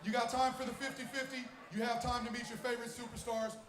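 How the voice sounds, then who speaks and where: A man working as a live wrestling ring announcer, projecting in a theatrical, drawn-out showman style over a venue PA. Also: very high voice, flat delivery. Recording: echoey live venue, loud music, crowd.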